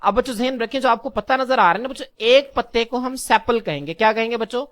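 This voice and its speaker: A man teaching a class lesson, calling his listeners children, posing questions and answering them himself, and slowly repeating key terms. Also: extremely high pitch, a bit bright. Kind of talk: classroom lecture.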